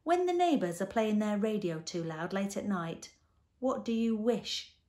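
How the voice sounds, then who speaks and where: Lady doing a pompous old-school doctor guy, slow and puffed up, storybook. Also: mid-range voice, expressive, a little mellow, lightly acted. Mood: questioning. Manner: pompous, declaiming. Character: pompous middle-aged male doctor, blustering.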